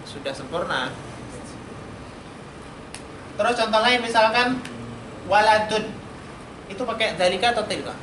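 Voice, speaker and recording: In a mosque study room, a man teaches Arabic through call-and-response, quizzing his students. His high, slightly bright voice has lively intonation, a measured pace and frequent pauses, recorded in a roomy, noisy hall.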